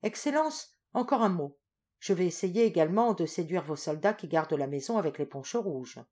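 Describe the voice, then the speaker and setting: A woman's voice: lowish voice, expressive, normal speed, warm tone. A woman voicing an anxious, desperate noble father in a storybook reading, speaking with urgent, fervent pleading.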